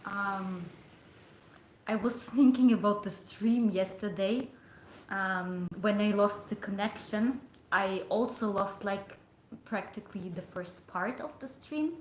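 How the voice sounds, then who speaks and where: Slow, hesitant woman streamer in echoey room. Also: mid-range voice, slight background noise. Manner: rambling and hesitant, many fillers. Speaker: livestreamer. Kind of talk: casual livestream chat.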